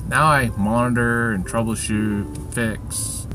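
A man's voice: medium pitch, fairly even intonation, slow. Grumbling middle-aged man over prominent music. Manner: grumbling, downbeat, self-pitying. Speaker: vlogger. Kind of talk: rambling personal rant. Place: inside a moving vehicle.

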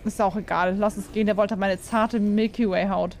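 A young woman, a gaming YouTuber, comments for her viewers while playing a horror game, jumpy and full of exclamations and often asking them questions. Her voice is medium-pitched and a little mellow, with fairly even intonation at a moderate pace, over slight background noise.

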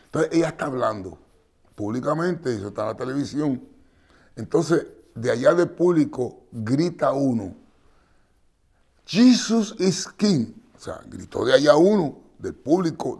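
A man's voice: mid-range voice, darkish tone. A man, a reverend hosting a TV program, answering viewer questions in an emphatic preaching manner, repeating phrases and addressing the asker by name. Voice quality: gravelly.

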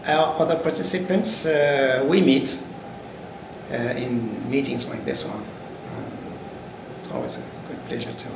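A Moroccan agricultural researcher in his fifties answers interview questions about his career hesitantly, with many fillers and restarts. His voice is medium-pitched, unhurried and lively in intonation. He sits in an indoor room with a curtain backdrop, and the roomy sound carries an air-conditioning hum.

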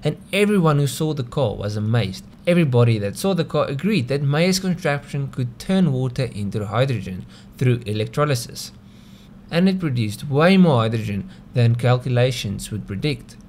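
This video host, a man with a South African accent, narrates a scripted explainer conversationally and often asks rhetorical questions. His mid-range voice is very animated and a little mellow, at a moderate pace, with slight background noise.

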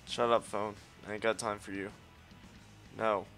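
A man's voice: fairly low pitch, measured pace, soft background music. A man giving live gameplay commentary, boasting, swearing often and yelping when things go wrong. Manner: excitable, swears often, yelps at mishaps; cocky trash talk. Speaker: let's play host.

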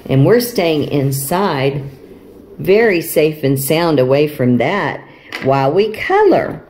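A woman's voice: low voice, very animated, slow, a little hiss or hum. Older woman chatting with grandkids. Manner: warm, praising, talking to small children. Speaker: grandmother and show host. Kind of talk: casual chat with grandchildren.

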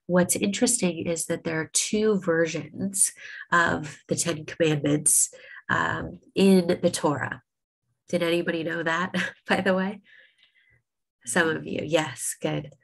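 A woman rabbi leading an online class, sniffly with a cold, speaking in an unhurried way with many ums and restarts. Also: low voice, gravelly, poor audio.

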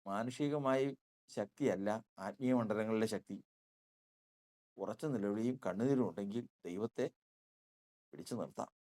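A man's voice: fairly low pitch, normal speed, long pauses, darkish tone. Emphatic Malayali male preacher. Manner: emphatic, repeating key phrases, voice rising and dropping. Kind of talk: sermon.

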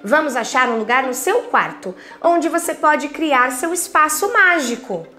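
A woman voicing a patient, caring mother in a children's story, with a Brazilian accent and gentle, soothing questions. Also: sits high, expressive, unhurried, soft background music, full character voice.

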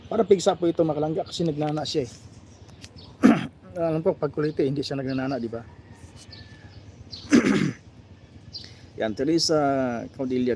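A man's voice: mid-range voice, mellow, a little hiss or hum. A man with a Filipino accent hosting a casual live stream, reading viewer names and comments aloud with many fillers. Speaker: vlogger reading live chat.

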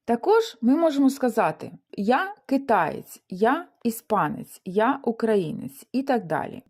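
Woman, Spanish teacher, animated up-and-down delivery, careful slow examples. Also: on the high side. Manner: slows down to pronounce Spanish words clearly. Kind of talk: language lesson.

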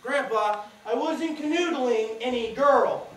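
A student performer playing a timid, flustered teenage grandson who answers hesitantly, on a school stage. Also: male voice, extremely high pitch, slow, fairly bright tone, a little hiss or hum, heavily acted. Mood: sheepish. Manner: hesitant, sheepish replies. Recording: distant echoey auditorium recording.

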